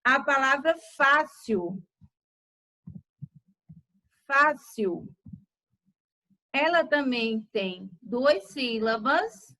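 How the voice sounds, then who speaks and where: A woman teacher, slowly dictating words in a grammar lesson. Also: high-pitched, animated, sharp tone, low-quality recording. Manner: slow, deliberate word-by-word dictation.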